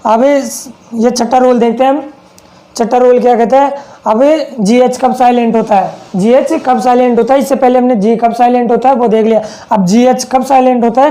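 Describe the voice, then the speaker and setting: Mellow-voiced teacher, man with Hindi accent. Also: very high-pitched, rough recording. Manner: repeats and checks understanding with frequent rhetorical questions. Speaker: English teacher. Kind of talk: classroom lesson.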